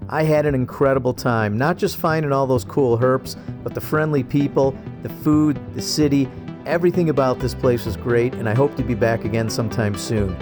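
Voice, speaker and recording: A man's voice: medium pitch, steady tone, moderate pace, over music. A man hosting a wildlife vlog, talking to viewers in an informal, enthusiastic, slangy way as he presents animals he finds. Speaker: host of a wildlife video series. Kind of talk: excited outdoor vlog narration to viewers. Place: outdoors at night, in the field in and around a city. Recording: outdoor night recording with insect and traffic noise.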